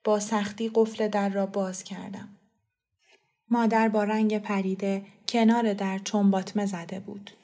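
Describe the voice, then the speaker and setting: A woman reading a story aloud as an audiobook narrator in a calm, even way. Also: mid-range voice. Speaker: audiobook reader.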